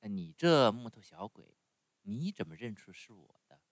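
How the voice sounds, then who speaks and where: A man voicing a gentle, motherly fairy woman in a calm, soft way of speaking. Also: lowish voice, moderate pace, no echo.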